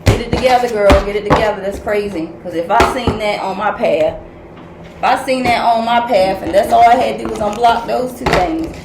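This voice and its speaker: A woman's voice: mid-range voice, brisk. An older woman, a grandmother and spiritual counselor, giving a tarot message reading in a blunt, profane, tough-love preaching manner. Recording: echoey room with noise.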